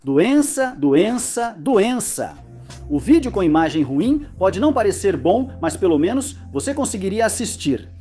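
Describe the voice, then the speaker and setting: Explainer narrator, medium pitch, animated delivery, light music underneath. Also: brisk, few pauses. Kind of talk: scripted educational narration.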